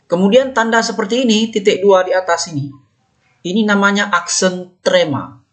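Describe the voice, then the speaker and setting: A man's voice: high voice, a bit bright. Patient male teacher repeating terms. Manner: repeats key terms slowly while pointing at marks on a slide; patient, explanatory, with many fillers. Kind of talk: recorded classroom lesson.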